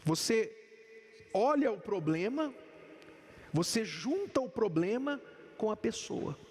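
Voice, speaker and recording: A man's voice: high-pitched, sing-song, slow, a little mellow, breathy edge, big-room sound. A man with a Brazilian accent giving a sermon-like talk on relationships, emphatic and full of rhetorical questions. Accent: Brazilian Portuguese. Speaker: couples speaker.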